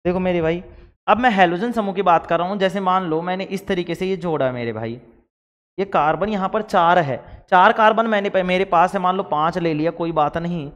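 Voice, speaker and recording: A male teacher with a high voice gives a classroom lecture. He fires questions at his students and answers them himself. His voice rings with a long reverb, as if he were recorded in a hall. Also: brisk, fairly bright tone, lo-fi sound. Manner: voices imagined student replies.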